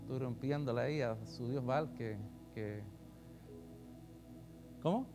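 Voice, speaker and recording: A man's voice: medium pitch, measured pace, music in the background. A man preaching an online sermon, reading scripture aloud and explaining it in chatty asides. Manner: animated, loudly quoting then chatty asides. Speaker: pastor. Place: church online service.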